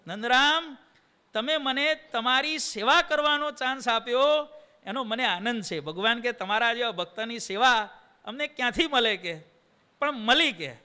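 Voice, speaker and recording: A man's voice: very high voice, pushed and bright, clean tone. A man with a Gujarati accent preaching a devotional sermon, telling a story and acting out its dialogue with shifting voices. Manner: acts out dialogue, shifting voices between characters. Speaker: swami preacher.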